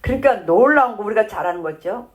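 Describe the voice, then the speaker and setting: A woman's voice: mid-range voice, lively intonation, fast talker. A woman pastor preaching a sermon in a church, telling the Bible story in a conversational way and acting out the lines of its characters.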